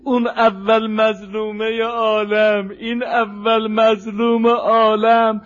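A man's voice: high voice, little pitch movement, lo-fi sound. A man performing a mournful religious recitation, half spoken and half chanted, his voice turning tearful and plaintive.

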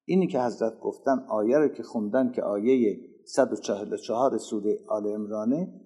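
A man giving a religious lecture, slowly reciting Arabic passages and explaining them in casual speech, growing louder on key phrases. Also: on the low side, slightly rough. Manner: emphatic, rising in loudness on key phrases. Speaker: preacher.

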